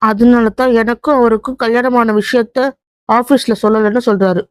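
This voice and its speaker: A woman's voice: a little high, fairly even intonation, normal speed, clean tone, no echo, close to an everyday voice. A woman voicing a hurt young wife who pours out her grievances to her husband in a run of reproachful questions. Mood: aggrieved.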